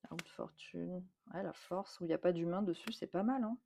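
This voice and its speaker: A French woman chats casually through a tarot deck unboxing. Her voice sits a little low, and she repeats words and fills pauses with euh as she goes. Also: gravelly, warm tone. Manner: chatty, repeats words, many fillers. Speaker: tattoo artist and tarot channel host.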